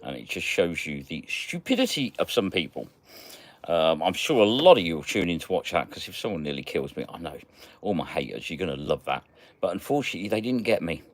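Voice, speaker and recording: A deep-voiced man hosts a casual livestream, greeting viewers by name and chatting about what is coming up. His low voice swings widely in pitch as he talks. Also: very animated, brisk. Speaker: magnet fishing livestream host. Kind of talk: casual livestream chat reading comments.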